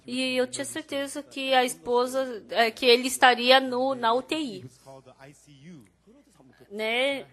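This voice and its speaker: A woman interpreting a sermon in the first person, telling a story and growing emphatic and animated at its high points. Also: slow pace, long pauses.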